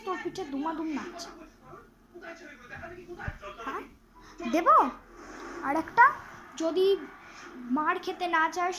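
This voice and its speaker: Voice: very high voice, fairly bright tone, slight background noise, rough recording. A child playing a strict scolding mother. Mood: threatening. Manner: bossy, threatening, nagging. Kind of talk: pretend-play role-play. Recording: clear background music.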